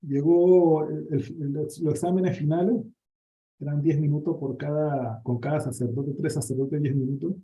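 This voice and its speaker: Priest, very mellow, slightly high-pitched; lively faith testimony on a dull lo-fi recording. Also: male voice, moderate pace. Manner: lively storytelling, many restarts and filler sounds.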